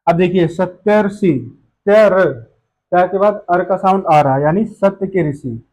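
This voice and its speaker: Guy with a pretty high voice walking through a grammar class, keeps asking and answering himself. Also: unhurried, darkish tone, low-quality recording. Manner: explains step by step, asks and answers his own questions. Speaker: Hindi grammar teacher. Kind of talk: online grammar lesson.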